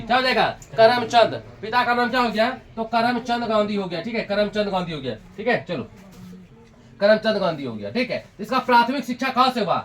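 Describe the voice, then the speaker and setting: A man's voice: sits high, fairly bright tone. A young man teaching a classroom lesson, repeating points, quizzing students, scolding and joking with them. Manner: repetitive, drills students with questions. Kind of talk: classroom lecture.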